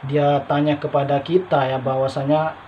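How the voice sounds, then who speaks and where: A man's voice: a little high, level tone, moderate pace. A man from Madura with a Madurese Indonesian accent that carries Malaysian Malay words, talking casually to his vlog viewers and rambling through restarts and fillers. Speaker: vlogger. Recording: dull lo-fi sound with faint noise.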